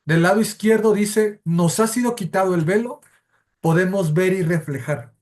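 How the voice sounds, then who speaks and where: High-voiced Mexican man teaching a Bible class. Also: normal speed, darkish tone. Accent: Mexican Spanish. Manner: explanatory, methodical, self-correcting. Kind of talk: church Bible study class.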